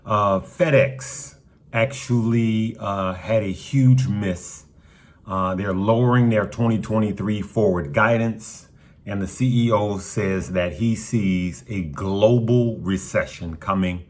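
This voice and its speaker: A man hosting a casual stock market update for his viewers, talking in a relaxed, conversational way with frequent ums and uhs, his voice still rough from the morning. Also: lowish voice, slow. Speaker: stock market channel host.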